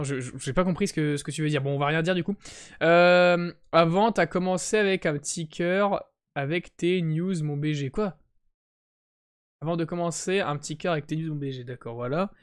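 Young man, French accent, live-stream chatter, joking, smooth clear voice. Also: on the high side, normal speed. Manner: joking, greets chat viewers, self-mocking. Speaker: Twitch streamer. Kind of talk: casual live-stream chat.

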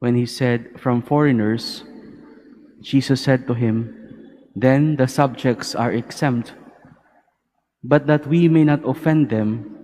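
A man with a Filipino accent, a priest speaking in measured, solemn phrases at Mass, his voice echoing in a cathedral. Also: medium pitch, a little mellow. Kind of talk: liturgical Gospel reading and homily. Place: large cathedral, over PA. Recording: echoey cathedral reverb with background noise.

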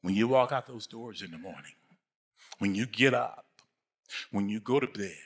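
A man's voice: lowish voice, moderate pace, breathy edge. An older man preaching a sermon as pastor, emphatic, repeating phrases and asking his congregation questions.

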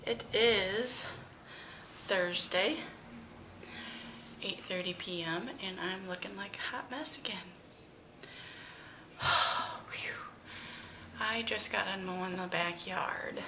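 A middle-aged woman and mother vlogging casually from her home, chatty with breathy sighs and sudden bursts of excitement. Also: mid-range voice, slow pace, pauses often, slight background noise. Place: home, front room.

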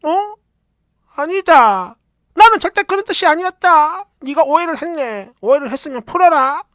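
A woman voicing a nagging older mother-in-law who scolds loudly in a shrill voice. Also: expressive, moderate pace, dry recording, clean studio sound. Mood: backpedaling.

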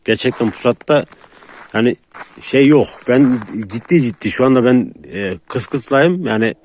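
A man's voice: mid-range voice, fairly even intonation, normal speed, a little mellow, a little hiss or hum. A man filming his dogs in a rural yard, coaxing and calling them and chatting casually to viewers between chuckles.

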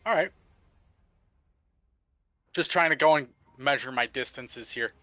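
A man's voice: medium pitch, measured pace, bright, forceful tone, lo-fi sound, slight background noise. A man chatting casually as a player during a tabletop game.

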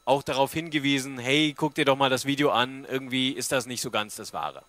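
Speaking briskly in a mid-range, fairly bright voice, a man in his thirties presents informally and explains things on a book fair forum stage before answering questions. A handheld-type mic on a stand captures him with no echo.

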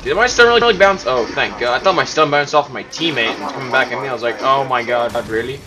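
Excitable man commenting on gameplay. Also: medium pitch, fast, music in the background. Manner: self-mocking, excitable outbursts. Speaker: gaming commentator.

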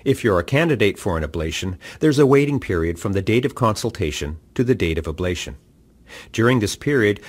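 Guy narrating a clinic orientation video, lowish voice, calm and measured but lively in pitch. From Canada. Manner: calm, measured instructional delivery. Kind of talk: scripted narration.

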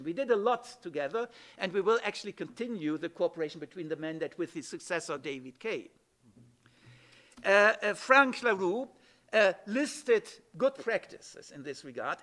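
A man's voice: sits high, bright, forceful tone. A middle-aged man from Germany, speaking at a panel event in an emphatic way, with frequent restarts and "yeah?" checks. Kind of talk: spoken conference talk.

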